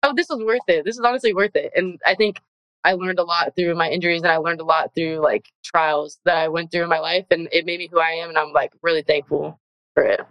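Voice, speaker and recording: A young woman, a college softball player, talking earnestly in a casual interview and leaning on "like" a lot. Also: deep voice, level tone, brisk, no room sound, muffled recording. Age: young adult. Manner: earnest, heavy use of "like", gets emotional.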